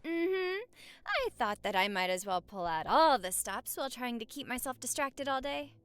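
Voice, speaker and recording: A woman plays a young newlywed wife in a romantic audio roleplay, chatting with her partner at home in an affectionate, nostalgic mood. Her high voice swings widely in pitch and is very animated, at a moderate pace, with a fairly bright, clean tone and no room sound. She banters, teases and sweet-talks playfully.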